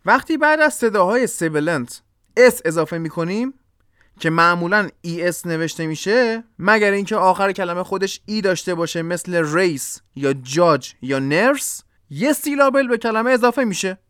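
A podcast host and English teacher giving a pronunciation lesson, explaining step by step and slowly demonstrating each sound. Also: mid-range voice, animated, a bit bright, clean tone, no echo, clean studio sound.

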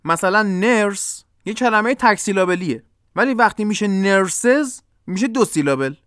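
A podcast host and English teacher giving a pronunciation lesson, explaining step by step and slowly demonstrating each sound. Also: medium pitch, expressive, fairly bright tone, no room sound, clean studio sound.

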